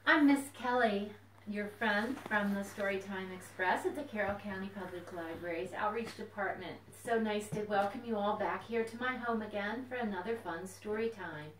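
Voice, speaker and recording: Speaking at a moderate pace in a mid-range, slightly bright voice, a children's librarian runs storytime from her home, addressing young children with simple words, questions and praise. The room echoes, the mic sits far off, and there's slight background noise.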